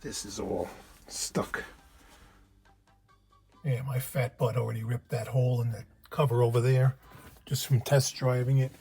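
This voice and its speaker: A man's voice: medium pitch, fairly even intonation, unhurried, creaky, pauses often, warm tone, soft background music. A man hosting a car restoration video, chatting casually and explaining each step while he works in a garage. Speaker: host of a car restoration channel. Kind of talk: casual hands-on how-to narration. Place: garage, working inside a car.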